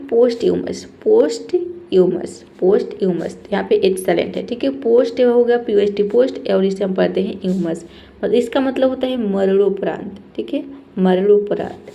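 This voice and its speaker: A woman's voice: mid-range voice, vocal fry, dark tone. A woman teaching an English spelling lesson, explaining patiently and repeating each word, often checking in with her students.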